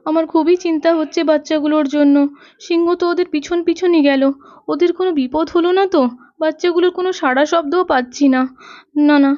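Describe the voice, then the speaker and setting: A woman's voice: high-pitched, a little mellow, no room sound, natural voice. A woman voicing a caring young mother in a doll story, fussing and talking to herself. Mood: worried. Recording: dull lo-fi dry recording.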